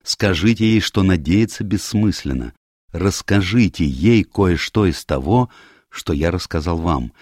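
A man's voice: low voice, animated, a little slow, a little mellow, no room sound, clean studio sound. A man voicing a desperate young man in an audiobook, pleading in an anguished way. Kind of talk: audiobook character voice.

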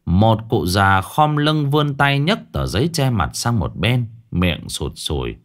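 Brief: low-voiced man, animated ghost-story narration. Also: a little slow. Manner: lively, expressive storytelling.

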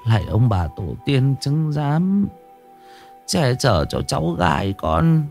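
Man doing a hoarse, gentle old grandmother for a spoken story, sorrowful and soft. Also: rumbling low, sing-song, unhurried, faint music behind, pitched below the performer's own voice, exaggerated voice. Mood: tender prayer. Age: over 60. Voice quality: hoarse, husky voice. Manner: soft, pleading, tearful.

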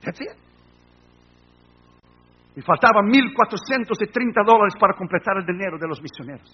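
A man preaching a sermon as a pastor, telling a story with passion, dropping from hushed tones to shouting and sprinkling in English phrases. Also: high voice, animated, moderate pace, husky, dull audio.

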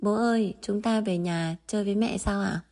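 A woman reading the lines of an excited little boy in a storybook. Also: mid-range voice, normal speed, lightly acted. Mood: eager. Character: cheerful little boy, eager and chatty.

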